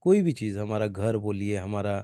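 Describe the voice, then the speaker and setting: A man leading an online Gita reading class, who explains in a casual way and often ends his sentences with little tags and hums, then chants the verses slowly and carefully. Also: lowish voice, animated, dark tone, no echo, studio quality. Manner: fillers like "na" and "hmm" at the ends of sentences. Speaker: reading group leader. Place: home video call. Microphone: video call mic.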